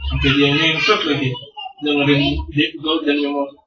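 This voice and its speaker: A man preaching a sermon, animated and teasing, swinging between loud and soft. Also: fairly high pitch, normal speed. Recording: echoey hall, distant mic, dull sound.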